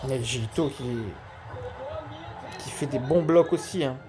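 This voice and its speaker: Un homme qui zozote, avec des s chuintants, commente en amateur un match de jeu vidéo en direct et répète certains mots pour insister. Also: male voice, mid-range voice, slow. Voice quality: lisping, slushy s and sh sounds. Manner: repeats key words for emphasis. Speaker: amateur live streamer. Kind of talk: football video game commentary and dedication to a friend.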